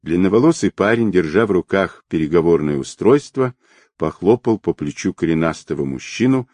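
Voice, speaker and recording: Deep-voiced man reading an audiobook. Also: moderate pace, dry recording. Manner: expressive storytelling of an action scene. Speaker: audiobook narrator.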